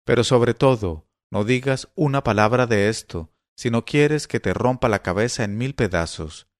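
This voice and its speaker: A menacing efrit spirit, voiced by a man reading a storybook aloud. He gives slow, stern commands in a medium-pitched voice. The recording is dry and close. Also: no room sound, lightly acted.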